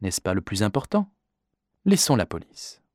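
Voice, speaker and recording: A man doing an aloof, dismissive rich gentleman. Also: lowish voice, sing-song, normal speed, dry recording, clean studio sound. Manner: detached, dismissive. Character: aloof well-off man, cool and impatient.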